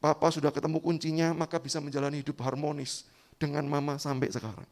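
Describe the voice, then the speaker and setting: A man voicing an angry young husband who loves his cat, shouting reproaches at his wife. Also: fairly high pitch, flat delivery, fast talker, pitched below the performer's own voice, lightly acted. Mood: calm, fatherly.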